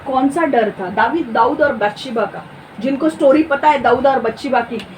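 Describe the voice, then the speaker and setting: A woman with a high voice leads an interactive Bible lesson. She often stops to check that her listeners follow, and she draws scripture verses out slowly and pointedly. She sits a bit far from the microphone, with a faint hiss behind her. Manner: keeps checking the listeners understand; reads scripture slowly with emphasis. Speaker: Bible teacher. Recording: distant mic with faint background noise.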